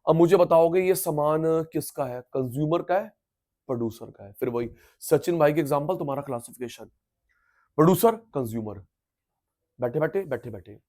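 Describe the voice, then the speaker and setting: A middle-aged man teaching economics in an energetic lecture, loudly coaxing and quizzing his students. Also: fairly high pitch, normal speed.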